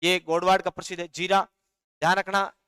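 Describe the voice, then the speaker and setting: A man with a Rajasthani accent teaches a live online class, pitching his voice high and speaking in a smooth, clear tone. He dictates notes at a slow pace, breaks into lines of folk songs, and answers comments from the chat. The recording is dry and close, with little room sound. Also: flat delivery, pushed and bright, dry recording.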